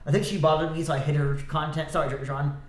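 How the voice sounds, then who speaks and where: Speaking quickly in an echoey room, this man streams a meandering solo chat full of halts, restarts, and self-corrections. His voice is a little high, stuffy, and scratchy, and his delivery stays flat.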